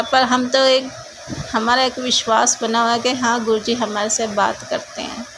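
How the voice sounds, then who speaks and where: A woman's voice: on the high side, background noise. Earnest grateful middle-aged woman with a tinged lilt. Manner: earnest and grateful, repeats thanks to her guru often. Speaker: devotee sharing a testimony. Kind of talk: devotional testimony talk.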